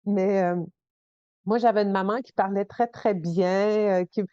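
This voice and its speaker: A woman's voice: medium pitch, fairly even intonation, measured pace, mellow, clear, resonant tone, dry recording, lo-fi sound. A woman from Quebec with a Québécois accent, speaking earnestly as an interview guest and searching for her words. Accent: Québécois French. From Quebec, Canada. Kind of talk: conversational interview.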